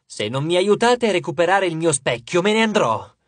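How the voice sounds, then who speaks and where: A man's voice: high-pitched, very animated, moderate pace, fairly bright tone, breathy edge, dry recording, heavily acted. A man reading an audiobook and voicing a vain, self-obsessed handsome young man who speaks haughtily. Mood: petulant. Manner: haughty, petulant.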